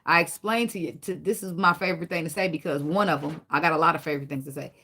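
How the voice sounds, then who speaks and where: A woman's voice: sits low, quick pace, breathy edge. Blunt, profane woman reading tarot. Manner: blunt, profane, preachy, animated. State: tearful, fighting back emotion. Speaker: tarot reader. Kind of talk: casual tarot reading monologue.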